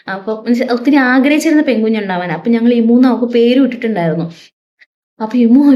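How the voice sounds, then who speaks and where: A young woman vlogger telling a personal story in a heartfelt, emotional way, repeating her words as she goes. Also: a little high. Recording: dull lo-fi recording.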